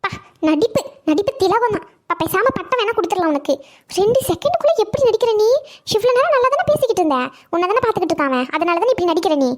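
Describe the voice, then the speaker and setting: A cheeky young cartoon woman, voiced by a woman, teasing and bossing in a very high, fast voice. Her tone stays playful and sharp-tongued. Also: very animated. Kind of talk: cartoon comedy acting.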